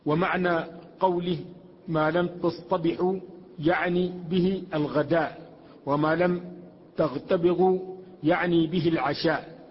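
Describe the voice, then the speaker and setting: A man's voice: fairly high pitch, fairly even intonation, unhurried, pauses often, slightly rough. A man reading a classical text aloud for a lesson, carefully reciting and restarting on hard words. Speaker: student reader. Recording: echoey hall, muffled lo-fi recording.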